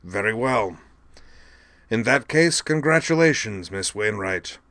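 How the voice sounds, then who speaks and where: A man's voice: on the low side, animated, a little slow, vocal fry, fairly bright tone, no room sound, voice pushed up, heavily acted. A man voicing a formal, officious male doctor who chairs a review board and delivers rulings stiffly. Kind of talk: audiobook dialogue.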